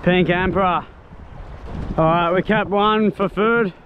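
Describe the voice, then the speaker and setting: A young man films himself fishing from a tropical beach on a head-mounted action camera, exclaiming and laughing as the fish bite. His voice sits high and unhurried, and he comes across as an excitable fishing vlogger who laughs often. The recording is muffled, with wind noise on the outdoor camera mic and a crowd in the background.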